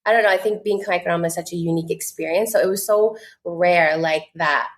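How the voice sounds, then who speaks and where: Her voice is on the low side and fairly quick. She's a US content creator in her 20s, appearing as a podcast guest and talking casually and earnestly, with "like" cropping up constantly.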